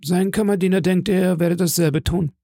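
A man doing a higher-pitched, dutiful old steward. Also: fairly even intonation, normal speed, creaky, warm tone, no room sound, clean studio sound.

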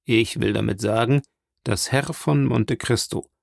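A man reading a grim, tormented state prosecutor in an audiobook, somber, measured and heavy. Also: medium pitch, creaky, dry recording, clean studio sound.

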